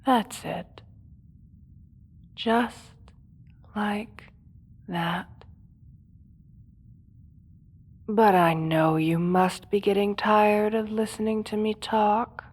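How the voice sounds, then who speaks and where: Woman acting a female supervillain, slow theatrical villain menace, manipulative, seductive, soft whispery delivery, unhurried hypnosis role-play. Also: medium pitch, fairly even intonation, breathy edge. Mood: coaxing, hushed. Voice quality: soft, often dropping to a whisper.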